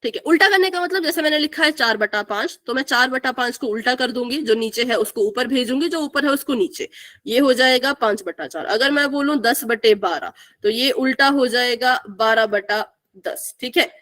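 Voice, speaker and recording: A woman's voice: a little high, normal speed, fairly bright tone. A young woman teaching a live online math class, asking the students questions and repeating the key answers.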